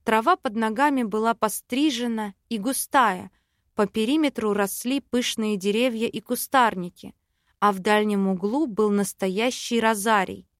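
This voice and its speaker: A woman reading a fantasy audiobook in smooth, even first-person storytelling. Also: fairly high pitch, moderate pace, dry recording, studio quality. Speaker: audiobook narrator. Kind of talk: scripted narration.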